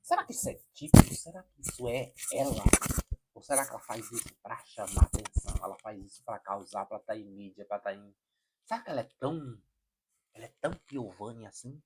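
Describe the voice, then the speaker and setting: A man's voice: fairly low pitch, a little fast, very noisy. A man hosting a reaction video, making sarcastic asides and reading articles aloud. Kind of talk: reaction commentary.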